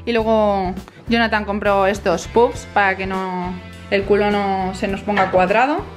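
A woman's voice: mid-range voice, steady tone, a little slow, music in the background. A young woman in her twenties giving a chatty, casual tour of her apartment, filmed on a handheld camera. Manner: chatty, addresses viewers directly. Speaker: vlogger giving a house tour. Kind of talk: casual house tour narration. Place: small apartment living room, indoors.

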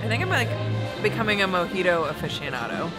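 A woman's voice: fairly low pitch, big pitch swings, quick pace, over loud music. A young woman co-hosting a travel vlog, chatting in a bubbly way and often saying "like". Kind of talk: casual chat. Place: aboard a cruise ship, indoors.

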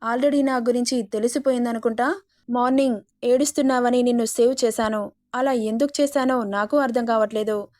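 A woman's voice: a little high, fairly even intonation, brisk, a little mellow, close to an everyday voice. Woman voicing an arrogant young college owner. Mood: domineering. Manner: teasing and domineering.

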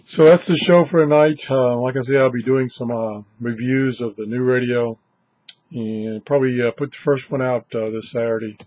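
In a casual, unscripted vlog, an older host meanders through his thoughts on shortwave radios from a small radio room full of clutter. He talks at normal speed in a steady, medium-pitched voice that's a little mellow.

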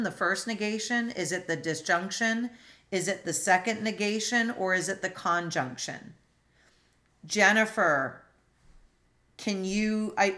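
Over a video call, a woman philosophy instructor teaches a logic class online, questioning students and often using fillers and restarting sentences. Her voice is medium-pitched and fairly bright.

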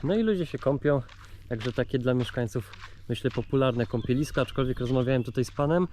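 A man's voice: medium pitch, a little fast, darkish tone, a little hiss or hum. A man vlogging in a casual, chatty way, thinking aloud as he shows what he finds. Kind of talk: casual vlog narration.

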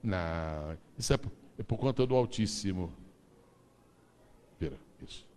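A man's voice: low voice, animated, unhurried, mellow, a little hiss or hum. A male pastor preaching a sermon, animatedly acting out the story for his congregation. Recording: long reverb of a large church.

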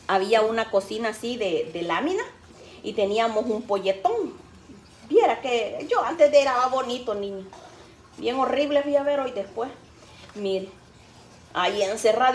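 Woman, folksy teasing cooking chat, lively fairly high voice. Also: moderate pace. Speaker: cooking vlogger. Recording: roomy, faint background noise.

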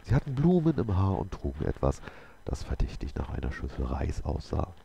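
A man's voice: a bass voice, sing-song, a little fast, creaky, dark tone, a little hiss or hum. A man reading a novel aloud as a game video host, telling the story steadily with occasional slips. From Germany.

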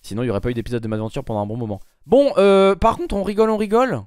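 A man recording let's play commentary, talking to his viewers and to game characters, swinging from low muttering to sudden loud outbursts. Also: racing, clear, resonant tone, dry recording, clean studio sound. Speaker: gaming YouTuber.

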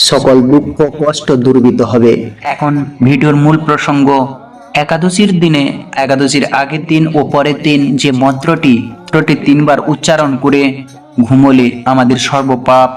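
A man giving earnest devotional instruction and slowly chanting a mantra. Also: on the high side, recorded from a distance, poor audio. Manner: earnest, urging, slow rhythmic chanting. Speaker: devotional presenter.

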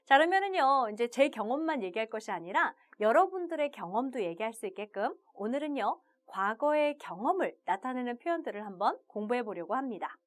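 Lively high-pitched woman teaching. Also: a little fast, hardly any pauses. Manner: upbeat, starts phrases with "자". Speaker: Japanese language teacher. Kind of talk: video lesson.

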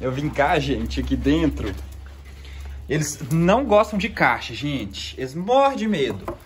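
A man's voice: a little high, very animated, a little slow, background noise. A man with a Brazilian accent vlogging casually with his dogs, chatting to viewers and cooing affectionately at his pets. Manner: chatty, laughs often while talking to viewers. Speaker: pet vlogger.

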